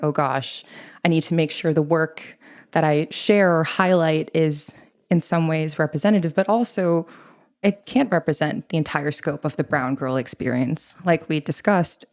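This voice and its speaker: A young woman from Thailand answers interview questions in an earnest, thoughtful way. Her voice sits low for a woman, and she talks in a conversational flow with an occasional "like". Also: a little mellow. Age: 20s. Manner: earnest, reflective, with many likes. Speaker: guest, literary editor.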